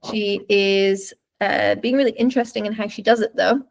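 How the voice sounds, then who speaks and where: A woman's voice: medium pitch, steady tone, moderate pace. A woman dog trainer giving webinar commentary over videos, explaining thoughtfully and searching for words as she goes.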